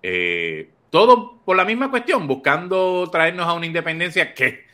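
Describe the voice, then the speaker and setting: A Puerto Rican man hosting a podcast, telling stories in animated casual political chat and laughing often. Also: on the high side, normal speed. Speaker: podcast host.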